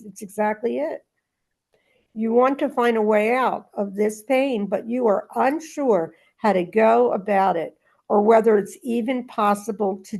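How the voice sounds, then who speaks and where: A woman with a slightly mellow, rather high voice talks casually and reads aloud in a spiritual discussion group. Her speech is rambling and emphatic, circling back on itself.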